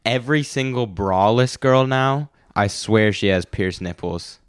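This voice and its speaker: A man with a low voice and congested sinuses hosts a casual podcast. He is laid-back and a bit complaining, recorded dry and close. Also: unhurried, clean tone, no room sound. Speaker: podcast host. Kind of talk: casual chat.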